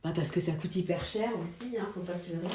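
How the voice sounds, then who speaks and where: A woman's voice: lowish voice, fast talker, warm tone. Chatty woman in an echoey room. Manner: chatty, full of hesitations and asides to viewers. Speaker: vlogger showing her grocery haul. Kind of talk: casual vlog chat. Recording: echoey room with faint noise.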